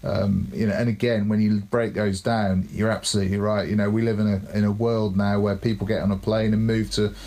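A man's voice: on the low side, flat delivery, a little fast, few pauses, mellow. A man who coaches cricket, explaining his ideas thoughtfully in casual podcast chat, often adding tag questions.

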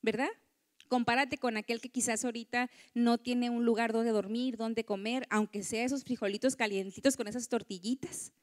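A woman's voice: a little high, fairly even intonation, normal speed. A woman giving a motivational talk to women, often asking the audience for agreement. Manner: warm lecturing, acts out quoted voices, asks audience. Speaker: conference speaker.

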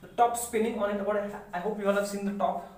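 A woman physics teacher explains a lesson step by step and often asks the class whether it is clear. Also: mid-range voice, fairly even intonation, fast, darkish tone. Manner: explains step by step, checks understanding with questions. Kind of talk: recorded online lecture. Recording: echoey room, voice from a distance.

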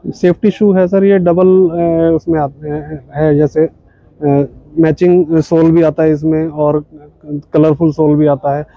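The recording is muffled with no room sound, capturing a man's high-ish, flat, slow voice. He's in his thirties, representing a footwear company at an indoor exhibition stall, patiently walking people through the shoes with fillers and polite "ji, sir."

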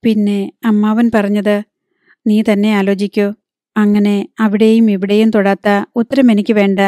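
Narrator doing a distressed young wife full of doubt, mellow tone, dry storybook sound. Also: female voice, mid-range voice, flat delivery, measured pace, no echo, close to an everyday voice. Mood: doubting, anguished.

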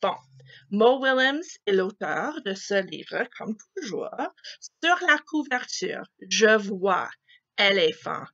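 A woman teacher reading a picture book aloud to children, slowly and expressively, asking them questions. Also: mid-range voice, sing-song, a bit bright, muffled recording.

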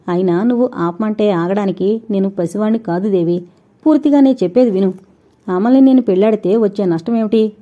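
A woman's voice: medium pitch, lightly acted. A woman voicing a brash, scornful young man who talks in a taunting, insistent way. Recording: dull lo-fi recording.

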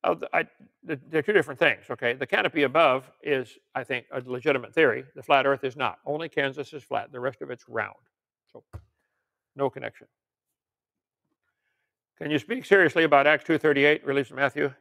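An older man delivers an informal teaching sermon, reading articles and viewer questions aloud with folksy, joking asides; he's a preacher and creationist lecturer. His mid-range voice is creaky and fairly bright, and he talks fairly quickly but leaves long pauses.

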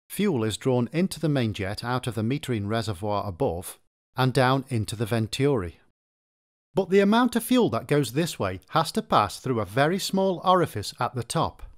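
Male narrator for a repair tutorial; methodical, lively pitch, mid-range voice. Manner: methodical, explanatory. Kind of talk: scripted instructional narration.

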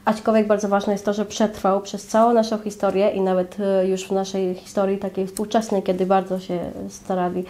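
A woman's voice: mid-range voice, little pitch movement, brisk, few pauses, mellow. A young woman from Georgia with a Georgian accent, a guest explaining her native language, speaking thoughtfully with many fillers. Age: young adult. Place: small indoor room, flag backdrop.

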